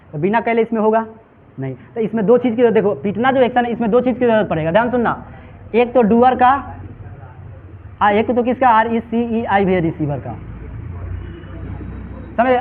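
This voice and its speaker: A man teaching a grammar lesson, drilling his students with the same questions again and again. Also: extremely high pitch. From Bihar, India. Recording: tinny phone-like sound.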